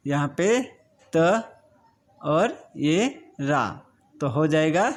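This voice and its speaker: A man's voice: on the high side, lively intonation. A man teaching a grammar lesson, explaining each word step by step and often checking whether students understand. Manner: slow, drawn-out, checks understanding with repeated questions. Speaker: school teacher.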